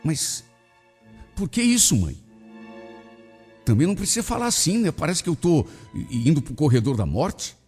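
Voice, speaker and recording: A man's voice: fairly high pitch, very animated, moderate pace, long pauses, husky. A man playing a defensive young son. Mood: pleading. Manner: pleading, defensive. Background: soft music.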